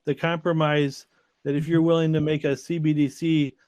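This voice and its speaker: A man's voice: fairly high pitch, level tone, moderate pace, darkish tone, slight background noise. A man in a casual panel discussion, talking briefly and plainly.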